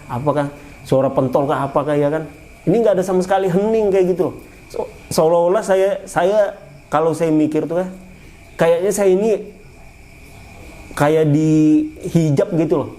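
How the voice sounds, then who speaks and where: A man recounting his own eerie experience in a casual, animated way, often repeating phrases and addressing the listener. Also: on the high side, poor audio. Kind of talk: casual first-person ghost story.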